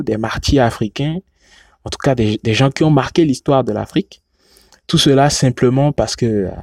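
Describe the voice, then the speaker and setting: In a studio-quality recording with no echo, a man with a medium-pitched, darkish voice talks casually about podcasts he recommends. He often restarts and repeats words, and his first language is derived from Yoruba.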